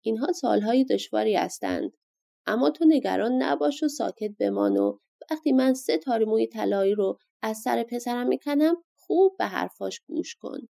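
A woman's voice: fairly high pitch, expressive, vocal fry, mellow, full character voice. A woman voicing an old grandmother of a giant, fussy and scolding, in a storybook reading. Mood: stern.

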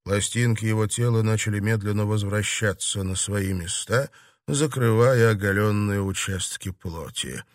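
A man reading an audiobook in an even, measured storytelling manner. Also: fairly low pitch, no echo, studio quality. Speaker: audiobook narrator. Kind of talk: scripted narration.

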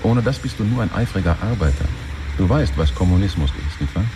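A radio-drama friend with a very low voice, who lectures in measured tones. Music runs underneath him. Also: male voice, expressive. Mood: lecturing. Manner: lecturing, measured, later heated.

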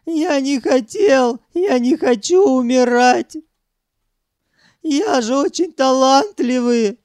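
A boastful young captive sobs and begs through his tears, his voice pushed high and shaky. The read is close and dry, with no room sound, in an audiobook. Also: lively intonation, slow pace, a little mellow, no room sound, exaggerated voice. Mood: sobbing, wailing. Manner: wailing, pleading. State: crying.

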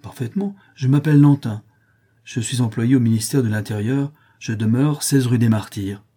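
A man's voice: medium pitch, normal speed, mellow, natural voice. A man voicing a bewildered, timid middle-aged clerk who stammers and hesitates. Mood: flustered.

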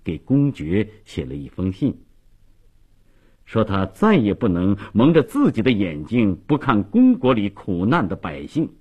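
A man telling a long story on radio with dramatic, lively delivery. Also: fairly low pitch, measured pace, breathy edge, lo-fi sound.

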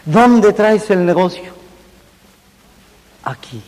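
A man's voice: high voice, animated, extremely slow, a little mellow. A man giving a humorous business seminar, joking and speaking directly to a live audience. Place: large hall with a live audience. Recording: reverberant hall, faint noise.

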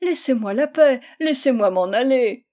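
A woman's voice: on the high side, animated, moderate pace, warm tone, natural voice. A woman reading the part of a grumbling, put-upon old man of sixty-four in a storybook reading. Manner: complaining, pleading.

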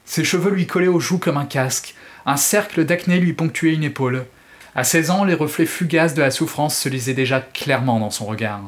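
A male podcast host reading a passage from a novel aloud in a steady, measured way. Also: fairly high pitch.

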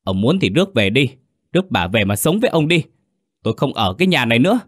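A man's voice: medium pitch, sing-song, quick pace, no echo, studio quality, pitched above the performer's own voice. A man voicing an angry middle-aged wife who screams in choked resentment. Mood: furious.

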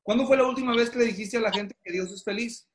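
A man teaches pastors over a video call, his voice high for a man. He keeps firing questions at his students to pull answers out of them. The room around him sounds roomy and echoey. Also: quick pace, slight background noise. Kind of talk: interactive online class. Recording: roomy echo.

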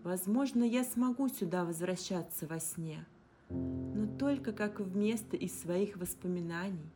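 A woman voicing a calm, tender young woman who gently reassures her friend. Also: lowish voice, a little slow, natural voice. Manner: gentle, reassuring, soft sighs. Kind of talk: audiobook character reading. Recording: guitar music underneath. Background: guitar music.

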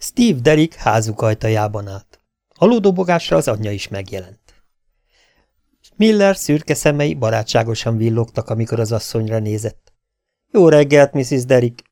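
Man, audiobook narrator, mid pitch, steady, dry recording. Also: no room sound. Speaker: audiobook reader.

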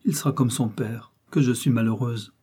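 A man's voice: medium pitch, fairly even intonation, normal speed, dark tone, breathy edge. A man reading aloud voices a despairing peasant mother who speaks in a sobbing, lamenting way.

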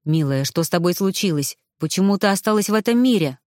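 A woman voicing the excited ghost of an old great-grandfather, eager like a child. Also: lowish voice, quick pace, no echo, clean studio sound, natural voice.

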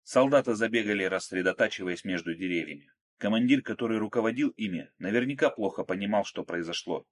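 A man narrating an action story in a steady, measured, dramatic reading. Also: on the low side. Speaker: audiobook narrator.

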